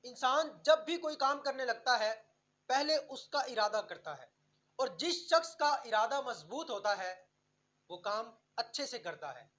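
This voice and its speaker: A woman narrating a scripted tutorial on public speaking, counting off numbered tips in a clear, instructive way. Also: on the high side, animated, a bit bright, lo-fi sound.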